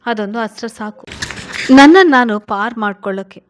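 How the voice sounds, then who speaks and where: A woman's voice: fairly high pitch, lively intonation, normal speed, natural voice. A woman voicing a confident scheming elder sister. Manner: confident, reassuring.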